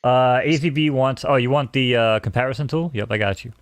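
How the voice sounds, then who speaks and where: A man's voice: medium pitch, brisk, smooth, no room sound. A man co-hosting a live stream, chatting loosely and casually with some swearing. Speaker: stream co-host.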